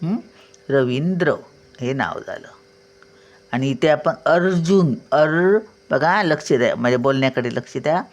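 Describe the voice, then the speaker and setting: Slow, patient older woman teacher. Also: low-pitched, muffled recording. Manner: patient, spells out letters and sounds words slowly; checks in with the learner often. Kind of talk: home writing lesson.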